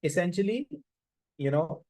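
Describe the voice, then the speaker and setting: A man with a North Indian accent lectures in a relaxed, mellow voice that sits slightly high. He talks to his class informally and conversationally, slipping small Hindi interjections into his English as he explains. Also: unhurried. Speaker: lecturer teaching auditing.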